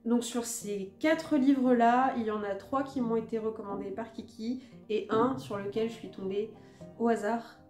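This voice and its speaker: A woman vlogger with a somewhat high, mellow voice, chatting about books in an easy, self-mocking way. She is recorded in an echoey room, with soft guitar music playing faintly behind her. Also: fairly even intonation, normal speed. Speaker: book vlogger. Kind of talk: casual chat about a reading list.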